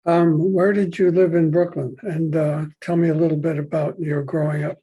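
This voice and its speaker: A man's voice: fairly high pitch, flat delivery, moderate pace, dark tone, breathy edge, low-quality recording. A man hosting a podcast interview, asking chatty questions with some hesitation. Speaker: podcast host. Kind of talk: conversational interview.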